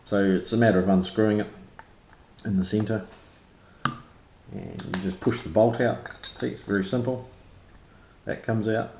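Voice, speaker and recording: Man, broad New Zealand accent, very low pitch, mellow tone, chatty unscripted review, echoey sound. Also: steady tone, normal speed, creaky, long pauses, a little hiss or hum. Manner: informal, slangy. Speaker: product reviewer and interviewer. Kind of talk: casual unscripted review chat.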